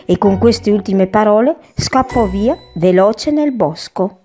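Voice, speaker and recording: A woman playing a kind, patient grandmother who tells a fable and teaches gently. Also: medium pitch, lively intonation, unhurried, soft background music. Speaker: storyteller. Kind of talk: web series doll sitcom acting.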